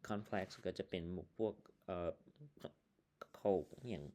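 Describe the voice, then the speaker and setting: A male English teacher with a Lao accent, slowly explaining vocabulary and sample answers in a casual online lesson, with plenty of fillers. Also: low voice, steady tone, darkish tone. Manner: slow, explaining words one by one with many fillers.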